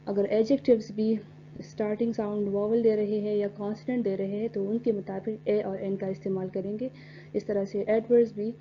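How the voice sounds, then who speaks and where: A woman teaching an English grammar lesson, explaining step by step and spelling words out letter by letter, reading English examples slowly. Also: mid-range voice. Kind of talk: recorded classroom lecture. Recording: dull lo-fi recording with faint hum.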